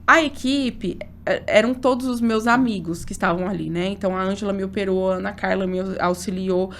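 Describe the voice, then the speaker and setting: A woman in her thirties, an obstetrician guest, telling a personal story in a casual interview. She talks in an emotional, animated way, full of fillers. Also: mid-range voice, a little fast, a little hiss or hum.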